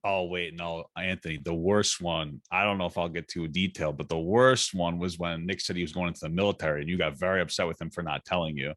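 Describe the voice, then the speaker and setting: A man's voice: deep voice, fairly even intonation, fast talker, hardly any pauses, fairly bright tone, dry recording, clean studio sound. A young man, a guest on a casual podcast, teasing a friend and telling workplace stories with stumbles. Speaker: guest, coworker of the host.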